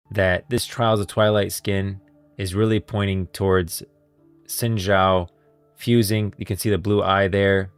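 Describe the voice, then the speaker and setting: A man with a low voice, a livestream host and video creator, talks about game lore on a casual stream in an enthusiastic, emphatic way. There's no echo in the recording.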